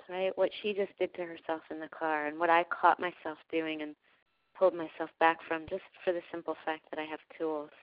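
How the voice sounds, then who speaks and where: A woman hosting a call and guiding a calm breathing meditation, her voice going soft and hushed. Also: deep voice, no echo. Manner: calm, softening to a hushed guide voice. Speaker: host of a heart practice call. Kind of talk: guided breathing meditation and chat. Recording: dull lo-fi call audio.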